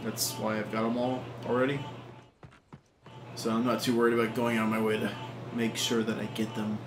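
A man's voice: lowish voice, monotone, brisk. A man casually commenting while he plays a video game and swearing freely. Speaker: gamer. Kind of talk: let's play commentary. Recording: roomy, noisy recording.

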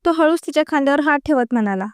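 A woman narrating a story in an even, unhurried reading voice. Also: high voice, no echo, clean studio sound.

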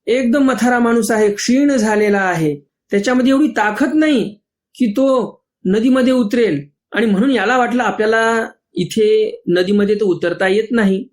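A man preacher giving a sermon, chanting old verses slowly and then explaining them in plain, repetitive everyday talk. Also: sits high.

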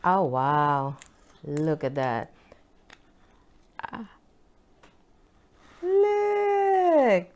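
Slow, lively woman vlogging a meal. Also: mid-range voice, muffled recording. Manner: excited, chatty, drawn-out exclamations while eating. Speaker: mukbang vlogger. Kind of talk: casual eating vlog.

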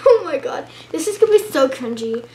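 A woman's voice: high voice, sing-song, unhurried, a little mellow, slight background noise, poor audio. A young woman, chatting casually and self-consciously, giggling and breaking into bits of song. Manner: giggly, self-conscious, sings snippets mockingly. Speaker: vlogger reacting to her old singing cover. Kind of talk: casual reaction vlog.

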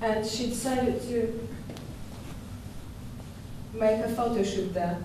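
A young woman curator giving a conference talk at a podium microphone in a dark lecture hall, measured and thoughtful with small hesitations and restarts. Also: a little high, background noise. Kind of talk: conference presentation. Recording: echoey hall from far off.

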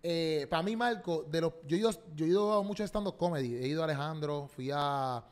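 Fast-talking Puerto Rican man, animated storyteller. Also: fairly high pitch. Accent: Puerto Rican Spanish. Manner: animated, slangy storytelling, acts out quotes. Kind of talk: casual podcast chat.

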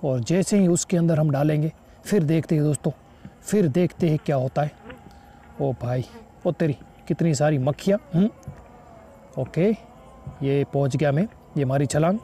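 A man commentating on a horror video game as he plays, with frequent excited exclamations. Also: a little high, moderate pace, a little hiss or hum. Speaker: gaming YouTuber. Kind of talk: let's play commentary.

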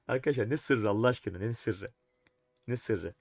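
A man's voice: mid-range voice, expressive, unhurried, no room sound, studio quality. A man streaming a live chess game, thinking aloud and talking to his chat, often exasperated. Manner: talks to himself and chat while playing, exasperated.

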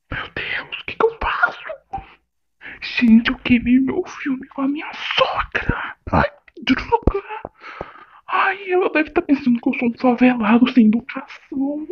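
A man voicing a flustered, short-tempered young man in an amateur voice drama, swearing loudly one moment and turning polite the next. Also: high-pitched, animated, measured pace, dull audio, a little hiss or hum. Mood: panicked.

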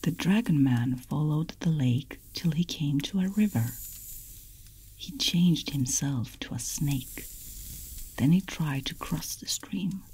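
A woman telling a bedtime folk tale as a whispered role-play, in a soft, unvoiced whisper. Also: low voice, slow pace, a little hiss or hum, low-quality recording. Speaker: ASMR storyteller.

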